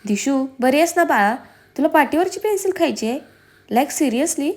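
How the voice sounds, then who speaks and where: A woman's voice: sits high, expressive, moderate pace, pitched above the performer's own voice. A woman reading an exasperated young husband. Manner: fond teasing, exasperated outbursts.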